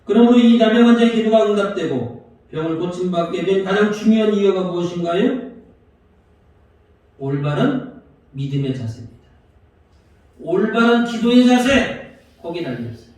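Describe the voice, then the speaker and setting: A man's voice: high-pitched, lively intonation, moderate pace, pauses often, darkish tone, heavy reverb, distant mic, poor audio. A male pastor preaching a sermon in a church, putting questions to the congregation and acting out prayers as he goes. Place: church sanctuary.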